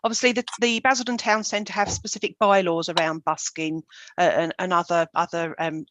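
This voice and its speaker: A female council officer answering a question in a committee meeting, measured and explanatory. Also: on the low side, steady tone, fairly bright tone. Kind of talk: formal meeting response.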